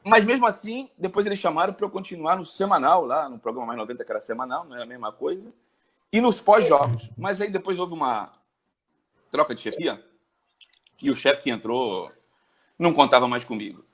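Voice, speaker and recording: A man in his forties from Brazil speaks as a guest in an interview, with a husky voice. He talks fast and tells his stories in an animated way, his pitch jumping up and down. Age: 40s. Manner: animated storyteller with big pitch jumps. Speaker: sports journalist guest. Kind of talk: storytelling interview chat.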